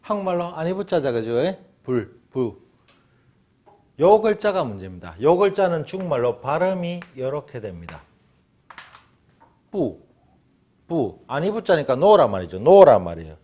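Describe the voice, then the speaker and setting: Lively guy teaching chinese, bounces up and down a lot, acts out little scenes. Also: fairly high pitch, normal speed, long pauses. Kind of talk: lively classroom lecture.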